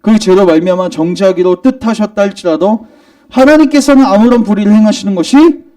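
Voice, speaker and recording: Emphatic high-voiced male preacher. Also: a little fast, dark tone, distant mic. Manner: questions the congregation and answers himself; emphatic, rising in argument. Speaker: pastor. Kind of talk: sermon. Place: church sanctuary.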